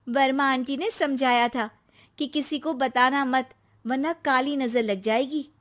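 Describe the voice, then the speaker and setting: A woman's voice: high-pitched, fairly even intonation, unhurried, fairly bright tone, voice pushed up. A woman voicing a cheerful, chatty young daughter-in-law in a cartoon.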